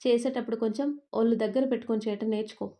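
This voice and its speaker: A woman voicing a strict, sharp-tongued young woman office lead in a storybook reading. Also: medium pitch, steady tone, a little fast, lightly acted. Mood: scolding. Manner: stern scolding.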